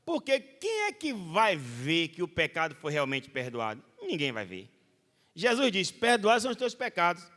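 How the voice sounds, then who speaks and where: A man's voice: high-pitched, moderate pace. A Brazilian man preaching a Bible study sermon as pastor, telling stories with animation and acting out the voices of the people in them. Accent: Brazilian Portuguese. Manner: animated storytelling, acts out quoted voices. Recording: hall reverb.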